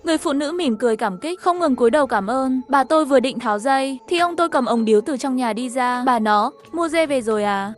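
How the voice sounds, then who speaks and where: Woman narrator, horror cartoon dub, high voice, even storytelling, faint music behind. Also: fast, pauses often. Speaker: narrator and dubber of the channel.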